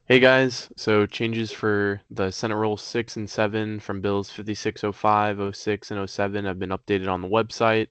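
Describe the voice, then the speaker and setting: A young man with a smooth, fairly low voice reports rule changes in a level, matter-of-fact way. The sound is dry and close. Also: level tone, normal speed, few pauses, a bit bright, dry recording. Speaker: attorney general. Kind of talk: meeting report.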